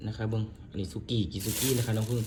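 A man's voice: lowish voice, level tone, rapid-fire, noisy background. A man with a northeastern Thai Isan accent, chatting casually to his viewers in a rambling vlog, often turning to speak to them as friends. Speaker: vlogger.

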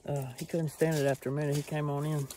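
A man rambles to a self-held camera out in the open, his speech full of fillers and restarts. His voice sits a little high and stays fairly flat, with faint outdoor noise behind it. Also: fast talker. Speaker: hunting vlogger. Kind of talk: casual self-filmed vlog talk. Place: outdoors on rural land. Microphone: self-filmed camera.

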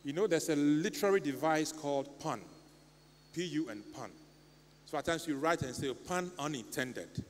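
A middle-aged lay preacher from Ghana with a Ghanaian English accent preaches a sermon from the pulpit of a church sanctuary into a stand mic. His slightly high voice moves at normal speed, earnest and pleading, with animated hand gestures. The recording has long church reverb and a faint hum.

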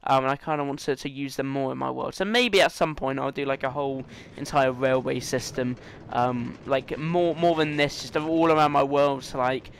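A man hosting a casual gaming let's-play, chatting excitedly and playfully to the other players as he goes. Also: mid-range voice, normal speed, vocal fry, a little hiss or hum. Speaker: gaming channel host.

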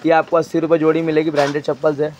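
A man showing stock in a crowded wholesale storeroom, briskly listing items and prices and telling a helper what to hold up. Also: fairly high pitch, completely flat delivery, darkish tone, a little hiss or hum. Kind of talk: walk-through product showcase.

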